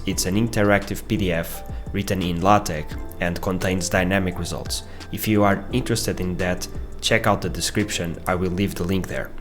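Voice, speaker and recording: A man in his thirties from Portugal with a Portuguese accent, giving a measured, explanatory scripted narration for his own video. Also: deep voice. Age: 30s. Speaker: vlogger.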